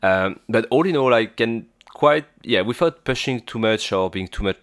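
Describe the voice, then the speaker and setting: Male podcast host, French accent, low voice, halting delivery full of fillers, dry close mic. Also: expressive, clean tone, dry recording. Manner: hesitant, many fillers and restarts. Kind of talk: solo stock-analysis podcast. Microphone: new podcast mic.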